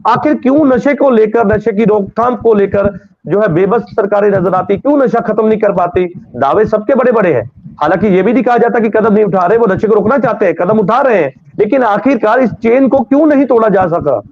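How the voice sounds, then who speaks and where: High-voiced male news anchor. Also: muffled recording. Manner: brisk, firm, repeats "ठीक है" to steer. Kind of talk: moderating a TV news debate.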